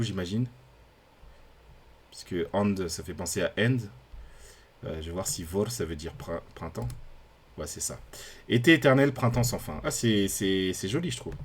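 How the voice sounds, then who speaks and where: A man hosting a live stream, thinking aloud with many fillers and pauses, sounding out foreign words slowly and loudly, then trailing off quietly. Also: fairly low pitch, husky. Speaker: podcast host.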